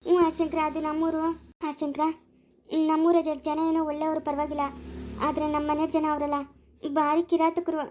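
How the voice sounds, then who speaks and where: A woman's voice: high-pitched, completely flat delivery, moderate pace, long pauses, darkish tone, slight background noise, close to an everyday voice. A woman with a Chikkaballapura rural Kannada accent playing an anxious, fearful aunt in a homemade family drama, speaking in a worried, pleading way. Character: anxious, fearful aunt warning a young man.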